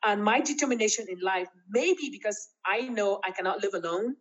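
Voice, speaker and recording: A woman's voice: medium pitch, fairly quick, highs cut off. A woman in her fifties, an interview guest talking in an emphatic, laughing way with big upward swoops. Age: 50s. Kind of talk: casual interview chat.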